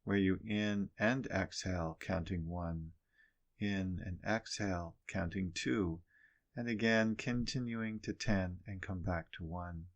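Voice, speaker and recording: Male meditation instructor, lowish register, very unhurried delivery, measured phrases and pauses. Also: muffled recording. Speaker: meditation teacher.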